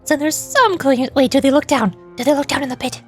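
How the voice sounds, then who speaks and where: Over background music, a high-voiced woman gives rambling, casual live-stream commentary at a slightly fast clip. She explains things chattily and tosses in playful asides.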